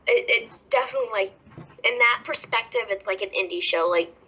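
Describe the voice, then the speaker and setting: A young woman with a Southern US accent chats as a podcast guest, gushing and quick to laugh. Her voice is bright and tense with a husky edge. The recording sounds dull and lo-fi. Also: a little high. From American South. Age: 20s. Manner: gushing, emotional, laughs often. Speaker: wrestler guest. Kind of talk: casual podcast interview.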